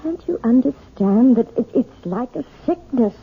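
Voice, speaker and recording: A timid housewife, nervous and hesitant, her breathy voice rising and falling a lot. The sound is tinny and narrow, like an old radio drama heard over a phone line. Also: a little high, animated, moderate pace, exaggerated voice. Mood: anxious. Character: timid housewife, afraid of dogs. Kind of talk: 1970s radio drama acting.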